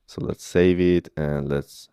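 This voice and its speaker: A programming instructor in his 30s narrates a screen-recorded coding tutorial, patiently working through exercises step by step and often checking in with "okay?" and "right?". His voice is low, steady, slow and mellow, and the sound is clean with no echo.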